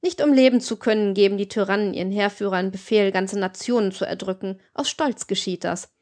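A woman's voice: mid-range voice, fairly quick, darkish tone, natural voice. A woman voicing a cynical, hard-hearted older female gang leader, lecturing with scorn. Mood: scornful.

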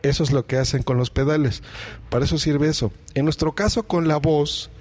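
A man's voice: fairly high pitch, fairly even intonation, a little fast, darkish tone. A man and podcaster explaining audio gear step by step in a casual tutorial, speaking to viewers from his home mixing desk. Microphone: studio microphone through a mixing desk.

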